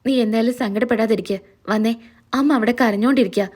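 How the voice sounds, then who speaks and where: A woman reading the lines of a gentle older sister who consoles her sibling. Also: on the high side, fast, voice pushed down, natural voice. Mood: consoling. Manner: soothing, consoling.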